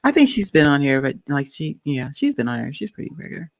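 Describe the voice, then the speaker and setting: A young adult woman hosting a live-stream talk show, excitable and gushing, laughing often. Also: sits low, fast talker.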